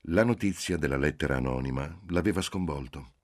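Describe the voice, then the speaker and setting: A man reading a novel aloud as an audiobook, in a measured, even-paced way, softening his voice for the dialogue. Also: rumbling low, no room sound, clean studio sound. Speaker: audiobook reader. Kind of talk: literary audiobook narration.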